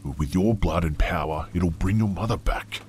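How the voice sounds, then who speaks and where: A man's voice: low-pitched, moderate pace, slight background noise, lightly acted. A man voicing a whispering painted shadow creature. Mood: coaxing whisper. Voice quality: hushed, breathy, tempting whisper. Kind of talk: horror story narration.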